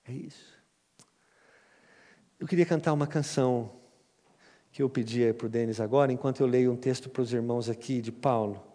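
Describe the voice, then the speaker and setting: A man's voice: medium pitch, moderate pace, pauses often. A man preaching a sermon to his church, telling a story and acting out its voices before reading scripture. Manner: animated storytelling, acts out dialogue. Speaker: pastor. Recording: church hall reverb with music.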